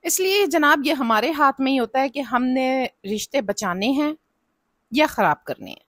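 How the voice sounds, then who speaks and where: Woman vlogger, highish voice, chatty advice-giving tone, dry close voice-over. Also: expressive, normal speed, fairly bright tone, dry recording. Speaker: family vlogger. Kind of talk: casual vlog narration.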